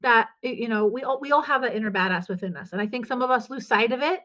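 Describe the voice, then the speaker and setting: A woman's voice: on the high side, fast talker, a bit bright, muffled recording. A woman guest, a business coach, talking in a casual podcast chat with an upbeat, emphatic, motivational manner.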